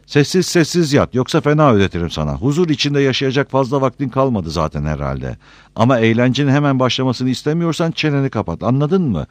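A man's voice: mid-range voice, sing-song, quick pace, no room sound, voice pushed up, close to an everyday voice. A man voicing a cruel, brutish male orc jailer who growls out threats in an audiobook reading. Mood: menacing. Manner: shouting threats.

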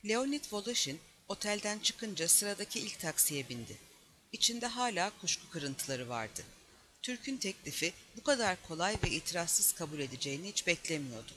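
Bright, high-voiced man reading a novel. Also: a little hiss or hum. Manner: steady, measured reading, lightly voicing dialogue. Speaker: audiobook reader. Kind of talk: scripted narration of a novel.

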